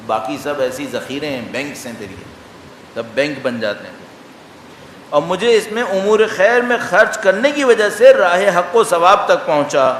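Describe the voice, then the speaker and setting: A man with a Pakistani Urdu accent delivers a majlis sermon in a big echoey hall, his voice sitting a little high for a man. He moves between rhetorical questions and recited Arabic lines. A faint hum of the room sits behind him. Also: lively intonation, a bit bright. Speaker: Shia preacher. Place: large hall.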